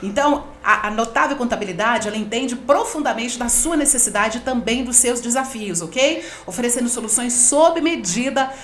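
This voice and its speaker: A woman's voice: on the high side, animated, normal speed, hardly any pauses, a bit bright. Lady podcast host doing the sponsor plug, echoey with a faint hiss. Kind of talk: hosting and reading a sponsor spot. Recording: roomy echo, faint noise.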